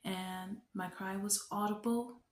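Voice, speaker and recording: A young woman sharing a personal faith testimony on her vlog, speaking in an earnest, unhurried, reflective way. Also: medium pitch, steady tone, slight background noise. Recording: echoey room.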